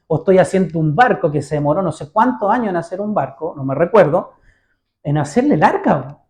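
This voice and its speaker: A man's voice: high-pitched, animated, a little fast, a little mellow. A man preaching a sermon in a church. He speaks conversationally, keeps asking his listeners questions and acts out the voices of the people in his stories. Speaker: pastor.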